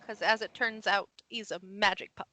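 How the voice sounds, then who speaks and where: A woman narrating as game master of a tabletop game, animated and quick with asides. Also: medium pitch, no room sound, rough recording.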